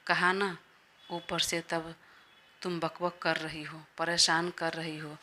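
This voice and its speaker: A woman takes on a short-tempered young boss in a storybook audio drama. He sounds gruff and scolding. His voice sits low, bright and flat, with a faint hiss behind it. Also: slow pace, heavily acted. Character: irritable young male boss.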